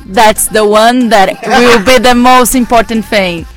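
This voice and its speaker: A woman's voice: on the high side, steady tone, a little slow, soft background music. A woman from Brazil with a Brazilian Portuguese accent, a guest in a live studio interview who speaks chatty, hopeful English with restarts.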